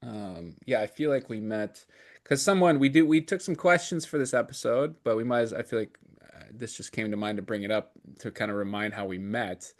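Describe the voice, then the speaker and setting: A man's voice: lowish voice, fairly quick. A man co-hosting a podcast, talking in a reflective, hesitant way with many fillers. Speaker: podcast co-host. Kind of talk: casual chat.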